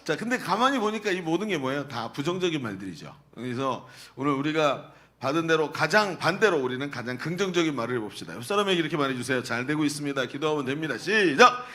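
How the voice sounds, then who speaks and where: A man's voice: fairly high pitch, animated, fast talker, few pauses, fairly bright tone. A middle-aged male pastor who reads scripture aloud and then preaches in a chatty way, asking the congregation questions. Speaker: senior pastor. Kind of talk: sermon.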